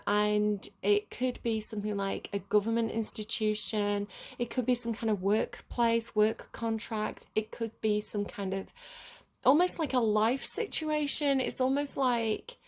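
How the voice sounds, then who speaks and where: A woman with a head cold gives a casual collective tarot reading to camera, sniffly and congested. She rambles hesitantly, with many ums and restarts, in a medium-pitched, slightly mellow voice.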